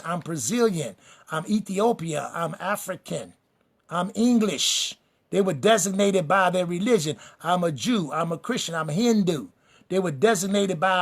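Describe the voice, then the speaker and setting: A man's voice: high-pitched, gravelly, fairly bright tone. A man preaching a fiery sermon-style lecture. He is emphatic and repetitive, speaks straight to his listeners, and builds lists and refrains for rhythm. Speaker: preacher and teacher.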